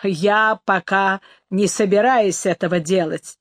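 A woman's voice: mid-range voice, steady tone, measured pace, no echo, natural voice. A woman reading an audiobook, voicing a wry young man who works as a factory clerk, with a dry, ironic delivery.

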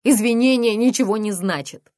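A woman voicing a distraught single mother who shouts and sobs, gasping for air, in an audiobook. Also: fairly high pitch, normal speed, dry recording, studio quality, voice pushed up, close to an everyday voice. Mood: screaming.

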